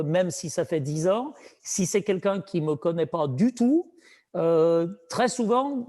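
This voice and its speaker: A man with a strong Saint-Étienne French accent, a business broker giving earnest advice in a relaxed conversation. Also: sits high. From France. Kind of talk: casual conversation.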